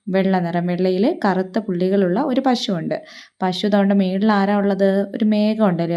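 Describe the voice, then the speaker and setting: A woman teacher explaining a picture lesson to young children, slowly and patiently, asking questions and then answering them herself. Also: medium pitch, dark tone, clean tone.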